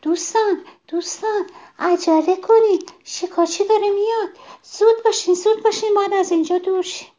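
A woman voicing a frantic little bird in a children's story, calling out high and urgent. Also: darkish tone, natural voice. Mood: alarmed. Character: frantic little bird who flies and pecks.

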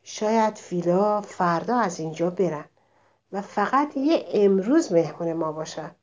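Woman voicing a calm, wise old rabbit elder. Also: medium pitch, natural voice. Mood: calm, advising.

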